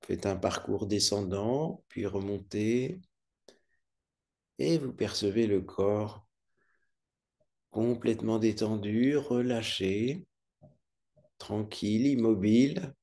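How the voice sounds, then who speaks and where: A man with a lowish voice guides a yoga nidra meditation. He speaks calmly and soothingly, never hurrying, and leaves long pauses.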